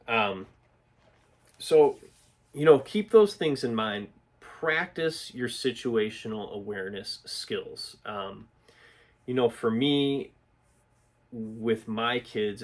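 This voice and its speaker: A man's voice: lowish voice, vocal fry. A middle-aged man teaching self-defense to the camera in a plainspoken way, with many ums and you-knows. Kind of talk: instructional talk to camera.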